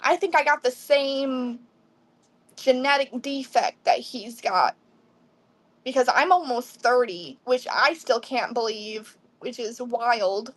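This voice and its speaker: A woman's voice: a little high, slow. A woman in her twenties from the Midwest, chatting casually on a live selling stream and answering viewers' comments. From Midwest USA. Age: 20s. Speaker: live online seller. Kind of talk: casual livestream chat.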